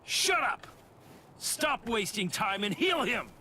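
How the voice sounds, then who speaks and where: A man's voice: medium pitch, lively intonation, unhurried, sharp tone, slight background noise. An actor playing a brash, violent young male warrior spirit in a game cutscene, cocky and bossy. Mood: furious.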